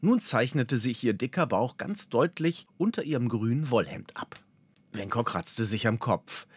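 A man narrating a fantasy audiobook in a dramatic, expressive storytelling manner. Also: mid-range voice, measured pace, husky, no room sound.

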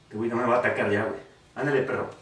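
A man from Mexico with a northern Mexican accent, trash-talking loudly in slang while playing a VR boxing game. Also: medium pitch, steady tone, racing. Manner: rowdy slang-heavy trash talk, shouting at the game. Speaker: gaming youtuber. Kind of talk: excited let's-play commentary. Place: room at home, playing a VR game. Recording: echoey room, distant from the mic, faint noise.

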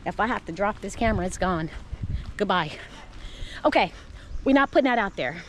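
Walking park trails near a spring, a middle-aged vlogger talks straight to her audience, camera in hand at arm's length. She sounds animated and fairly quick in a medium-pitched voice, with slight background noise.

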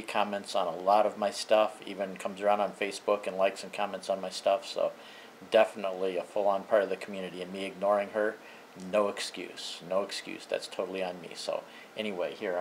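A man's voice: deep voice, low-quality recording. An older man of about sixty speaking informally and plainly to viewers in a casual vlog, recorded at home on a camera held close by. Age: older, around 60. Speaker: moto vlogger. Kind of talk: casual video chat to viewers. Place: small living room indoors. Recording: faint room noise.

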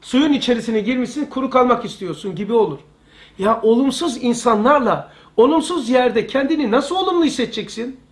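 A man's voice: extremely high pitch, expressive, a little fast. A man teaching a religious study lesson to a live circle of listeners, talking conversationally and repeating key phrases for emphasis.

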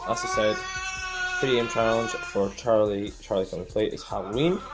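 A man gives a casual, halting, repetitive vlog update into a phone at arm's length in a room at home. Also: lowish voice. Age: 20s. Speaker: vlogger.

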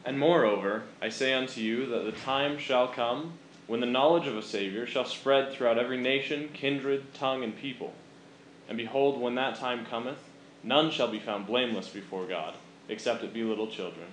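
A man's voice: mid-range voice, moderate pace. A man giving a recitation of scripture. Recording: echoey room with faint noise.

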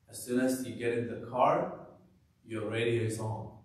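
Priest at mass, slow careful reading, big cathedral echo, sounds far from the mic. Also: male voice, medium pitch. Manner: slow, measured liturgical delivery. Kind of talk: gospel reading and homily at Mass. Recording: echoey church, mic far off.

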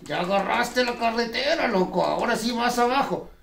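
A man's voice: very high voice, lively intonation, normal speed, gravelly, a bit bright, slight background noise, pitched above the performer's own voice, exaggerated voice. A man voicing a cheeky, crude male ventriloquist puppet who talks in teasing slang with a Mexico City accent. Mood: pushy. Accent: Mexico City Spanish. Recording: roomy echo, far from mic.

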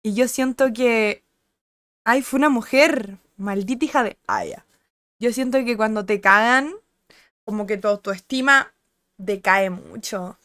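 Chilean girl streamer yapping with chat, kinda high smooth voice, bit husky today, dry close mic. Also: unhurried, fairly bright tone, dry recording. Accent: Chilean Spanish. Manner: chatty, crude slang, reads out and greets viewers. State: slightly husky voice from little streaming. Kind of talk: casual chat with live chat viewers.

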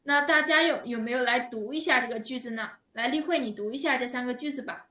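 A woman teaching an online language lesson over a video call, speaking slowly and patiently, drawing out words for her learners. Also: sits high, bright, forceful tone. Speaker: Chinese teacher. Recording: echoey room, heard from a distance.

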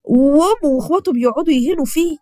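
Storybook mom, opinionated and talkative, Egyptian, played by a woman narrator, lifted pitch. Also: very fast, warm tone, dry recording, studio quality, close to an everyday voice. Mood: disapproving. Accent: Egyptian Arabic. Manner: chatty, disapproving. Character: worried, opinionated middle-aged mother talking to her daughter.

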